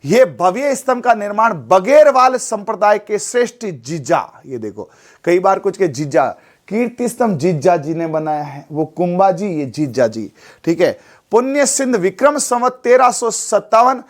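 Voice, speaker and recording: Animated high-voiced male teacher. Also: normal speed. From Rajasthan. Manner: animated, asks the audience questions, mixes English words. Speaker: exam coaching teacher. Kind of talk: classroom lecture.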